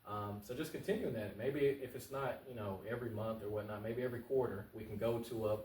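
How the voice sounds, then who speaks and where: This candidate talks at a quick pace in a lowish voice with a darkish tone. In the interview he answers casually and emphatically, using everyday language and repeating himself for emphasis. It was captured in an echoey space on a distant mic, with faint noise underneath.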